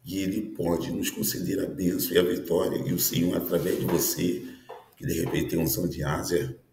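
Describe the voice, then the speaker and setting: Gravelly and deep with a darkish tone, this fifty-something pastor preaches in an echoey room with a bit of background noise. His prophetic sermon is earnest, and he often turns to his listeners with tag questions.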